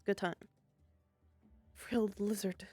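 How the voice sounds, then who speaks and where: A woman's voice: medium pitch, fairly even intonation, takes it slowly, mellow, husky, no room sound, soft background music. A woman with a Southern accent, chatting casually and playfully, giggling often. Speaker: streamer. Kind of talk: casual out-of-character chat.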